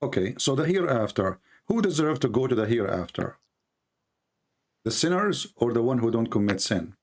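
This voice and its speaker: Hosting an argumentative live debate on religion, a man whose first language is Arabic speaks non-native English and insistently repeats his phrases. His medium-pitched voice has a sing-song quality at normal speed.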